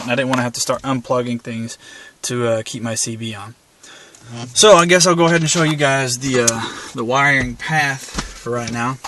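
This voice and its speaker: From inside his car, a man films a relaxed, rambling look at his setup, speaking simply and dropping plenty of "uh" fillers. His medium-pitched voice is a bit bright, over slight background noise.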